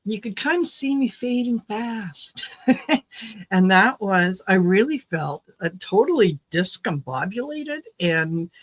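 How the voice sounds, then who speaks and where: A middle-aged woman from Croatia, raised in Canada, hosting a tarot livestream and chatting casually with viewers, hesitant, with many ums and easy laughs. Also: fairly low pitch. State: recovering from low blood sugar, tired. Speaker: tarot reader and livestream host.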